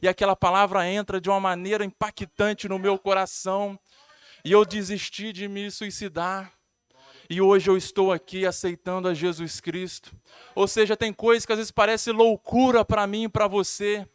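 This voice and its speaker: A man's voice: sits high, little pitch movement, normal speed, smooth, no echo. A male pastor with a Brazilian Portuguese accent, preaching a sermon in a storytelling way, repeating phrases and adding tag questions.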